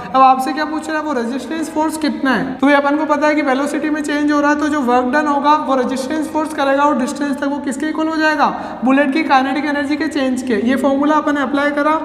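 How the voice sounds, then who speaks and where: High-voiced woman teaching physics in an echoey room. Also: steady tone. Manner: asks the class questions and answers them herself; reads English problem text slowly, explains in Hindi. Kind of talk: step-by-step lecture solving a problem. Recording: echoey room with long reverb.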